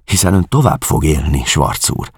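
A man reading an audiobook, voicing a calm, skeptical male listener who speaks cautiously and in a measured way. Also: rumbling low, husky, no room sound, clean studio sound, full character voice.

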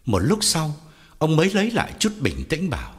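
A man's voice: on the high side, wildly swooping pitch, brisk, husky. A man narrating a ghost story audiobook with dramatic, sweeping intonation. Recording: loud background music.

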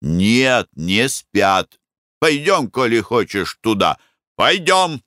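A man's voice: medium pitch, very animated, slow, a bit bright, no echo, clean studio sound. A man voicing a well-traveled merchant who talks in a wry, moralizing way in an audiobook. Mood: indignant.

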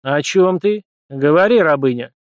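A man's voice: a little high, very animated, fairly quick, dry recording, lo-fi sound, pitched above the performer's own voice. A man voicing a fierce young female warrior who speaks harshly and scornfully.

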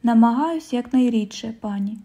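Woman reading a stern police commissioner, formal and measured, mellow higher voice. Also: natural voice. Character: stern middle-aged male police commissioner.

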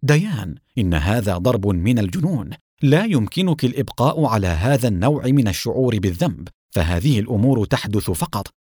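A man voicing a gentle, worried father who speaks quietly and tries to reason and comfort. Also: lowish voice, very animated, brisk, husky, no room sound, clean studio sound. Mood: soothing.

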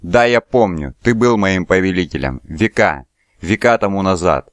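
A young woman just roused from an enchanted sleep speaks in soft, tearful pleas, as a man reads her in an audiobook. The voice stays deep. The sound is dry and close. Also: moderate pace, no room sound, close to an everyday voice. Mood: dreamy. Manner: soft, tearful, breathless pleading. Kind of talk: audiobook character voice.

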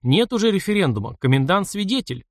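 A man's voice: high-pitched, sing-song, brisk, no echo, clean studio sound, pitched above the performer's own voice. A man reading aloud, voicing a brutal, furious man who barks curses and slips into German. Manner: barking, cursing, heavy breathing rage.

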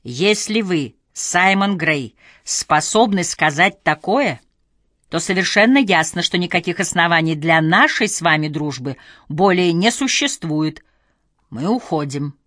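Woman reads as grave older man, booming and slow, low register. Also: expressive, a bit bright, dry recording, studio quality. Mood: indignant. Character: imperious older man storming off.

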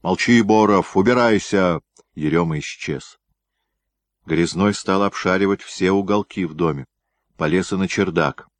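A man narrating an audiobook in an expressive storytelling manner. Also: deep voice, unhurried, no room sound. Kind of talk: scripted narration.

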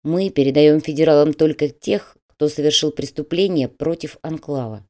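A woman voicing a stern middle-aged male admissions manager who talks in a brisk, official and mocking way. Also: low voice, a little mellow, close to an everyday voice.

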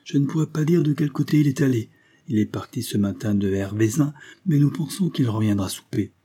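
A man's voice: mid-range voice, lively intonation, brisk, dark tone, slightly rough, pitched above the performer's own voice. A man reading the part of an older, kind peasant mother who talks in plain, earnest country speech.

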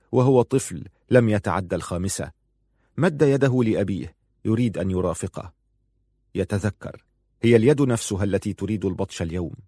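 Low voiced guy reading a story aloud, calm and grave, dry close sound. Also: slightly rough, no echo. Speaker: narrator. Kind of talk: scripted narration.

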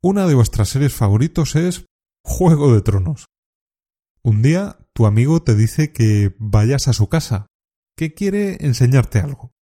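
A man from teaching expressions in a calm, measured scripted lesson, now and then acting out short example phrases. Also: medium pitch. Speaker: Spanish teacher.

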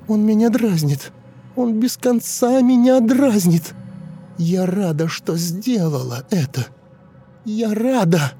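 A woman's voice: a little high, warm tone. A woman voicing a hypnotized woman who speaks as a ten-year-old girl, sobbing and pleading. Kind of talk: audiobook character voice.

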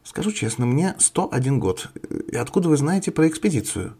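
A man voicing a young, ambitious female interdimensional trader who answers quickly and warily. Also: fairly high pitch, big pitch swings, mellow, slightly rough, voice pushed up. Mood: wary.

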